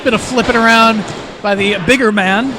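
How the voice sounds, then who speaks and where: High-voiced wrestling play-by-play man. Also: steady tone. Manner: brisk move-by-move calling. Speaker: play-by-play commentator. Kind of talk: wrestling commentary. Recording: noisy arena feed.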